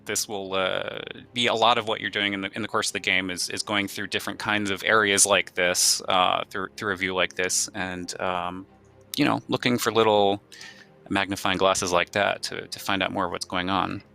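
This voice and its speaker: A game developer showing his game in a live walkthrough, explaining in a relaxed way with many fillers. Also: low voice, normal speed, gravelly.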